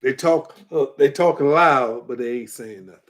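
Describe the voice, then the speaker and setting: A man's voice: medium pitch, moderate pace. A man giving casual spoken commentary, emphatic and colloquial, repeating points for effect. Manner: colloquial, drops verbs and uses double negatives.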